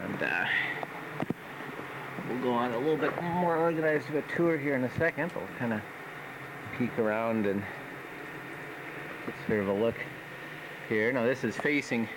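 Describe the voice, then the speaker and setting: A man guiding an underground tunnel trip, speaking haltingly with many fillers, his voice echoing in a cave. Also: medium pitch. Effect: cave echo. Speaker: urban explorer guiding a tour. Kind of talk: casual narration of an underground trip. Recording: echoey cave with loud background noise. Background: running water.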